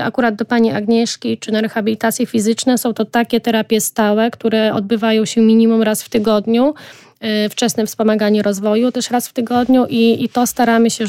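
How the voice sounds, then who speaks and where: A woman's voice: fairly high pitch, a little mellow, clean tone, dry recording, studio quality. A mother answering interview questions in an earnest, matter-of-fact way. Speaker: mother of a young child.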